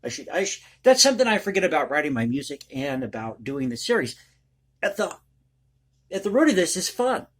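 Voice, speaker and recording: Casting: male vlog host, slightly higher-pitched, conversational and folksy, rambling off the cuff. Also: very animated, brisk, a bit bright. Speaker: online video host and commentator. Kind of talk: casual ad-libbed vlog monologue.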